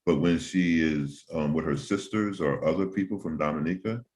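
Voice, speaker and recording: Very deep-voiced male interview host. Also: darkish tone. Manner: thoughtful, rambling, pauses with many um's. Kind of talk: casual interview chat.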